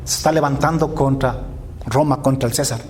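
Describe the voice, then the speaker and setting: A man preaching a sermon as pastor, retelling scenes with lively acted voices. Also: mid-range voice, brisk, slight background noise. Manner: animated storytelling, acting out voices of biblical figures.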